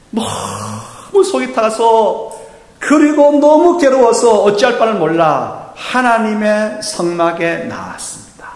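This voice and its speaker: A man preaching a Sunday sermon with emphasis, now and then acting out quoted speech. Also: sits high. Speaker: pastor. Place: church sanctuary. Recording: echoey church hall.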